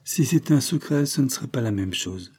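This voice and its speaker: A sorrowful young country girl, plaintive and stubborn, pitched well up, as a male narrator puts her on. The tone stays dark and husky underneath, as in a storybook reading. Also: lively intonation, fairly quick. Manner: tearful, plaintive and insistent. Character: grieving young peasant woman, stubborn.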